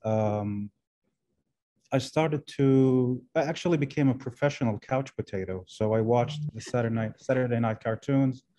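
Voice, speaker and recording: Mellow-voiced Kuwaiti man on a video call. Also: medium pitch, moderate pace. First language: Arabic. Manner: hesitant, many fillers and restarts. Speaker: guest, translation professor. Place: indoor room.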